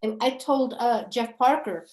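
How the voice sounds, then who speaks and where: A woman's voice: a little high, a little slow, darkish tone. A woman explains her craft with a wry, practical manner. Her voice carries a roomy echo, and faint noise sits under the call audio. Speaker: actor. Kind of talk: casual video-call chat.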